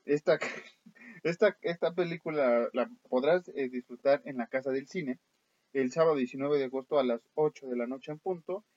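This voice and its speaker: A man with a Mexican accent co-hosts a casual horror film chat, running through film titles with plenty of fillers and the odd laugh. His voice sits at a middle pitch. The audio is dull and lo-fi, with a dry, close sound. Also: moderate pace, darkish tone, no room sound. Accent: Mexican Spanish. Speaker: podcast co-host.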